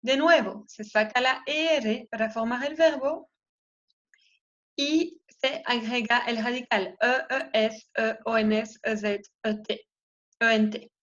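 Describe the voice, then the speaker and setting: Slow-talking woman teaching French. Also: a little high, steady tone, a bit bright. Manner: spells out letters one by one, models pronunciation. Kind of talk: slow explanatory lesson. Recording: dull lo-fi recording.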